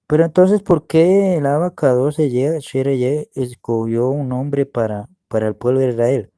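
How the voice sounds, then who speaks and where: A man's voice: mid-range voice, warm tone, no echo, studio quality. A man preaching and teaching Bible words to his listeners, walking them through a screen share and often asking if they can see. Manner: slow, explaining, asks "¿ve?" often.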